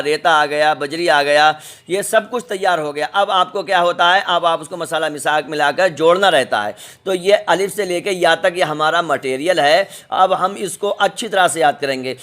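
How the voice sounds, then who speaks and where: In this recorded lesson, a middle-aged man slowly sounds out the letters of the Quran's alphabet, patiently repeating them. His voice sits on the high side and has a fairly bright tone.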